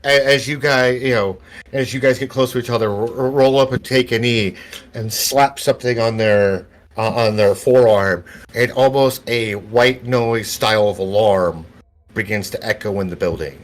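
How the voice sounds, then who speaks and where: A man's voice: mid-range voice, normal speed. A man running a tabletop game as game master, narrating scenes and asking players for checks. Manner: relaxed, laughs often, stumbles and restarts while describing scenes.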